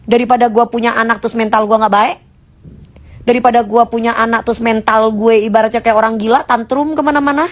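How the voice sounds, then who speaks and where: A woman ranting casually on a live stream, answering viewers' comments in a blunt, mocking way. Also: a little high. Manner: blunt and mocking, in Jakarta slang.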